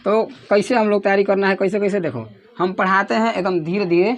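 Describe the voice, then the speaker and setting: A man with a Bihari Hindi accent teaching a class, calling out questions for the students to answer together and sometimes raising his voice almost to a shout. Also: high-pitched, fairly quick. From Bihar, India. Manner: raises his voice to a near shout at times. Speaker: coaching teacher.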